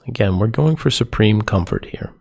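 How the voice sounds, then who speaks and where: With a voice on the low side, gravelly and slightly rough yet animated, a man teaches yoga nidra through a guided meditation. He speaks gently and soothingly without hurrying, leaving pauses between phrases.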